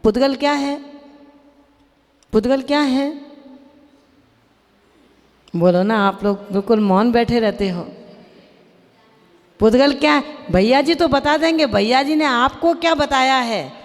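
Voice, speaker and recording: A woman's voice: high-pitched, expressive, a little slow, long pauses. A woman delivering a sermon as a Jain nun, chanting scripture verses and questioning and chiding her audience directly. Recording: long hall reverb.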